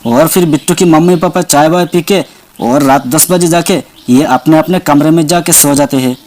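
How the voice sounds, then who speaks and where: Man storyteller, high pitch for a man, casual doll-story narration. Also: normal speed, darkish tone, slight background noise. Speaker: storyteller and channel host.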